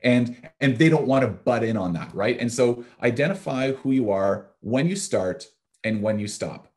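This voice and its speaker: A man's voice: mid-range voice, expressive, normal speed, a little mellow. A man hosting a webinar, explaining marketing tips in a casual, filler-heavy way over a video call. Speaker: host, marketing agency CEO. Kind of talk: webinar presentation.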